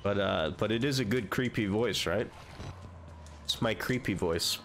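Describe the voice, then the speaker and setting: Slow-talking man joking through a horror game. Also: fairly low pitch, a bit bright, a little hiss or hum. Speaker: gaming streamer. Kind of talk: let's play commentary.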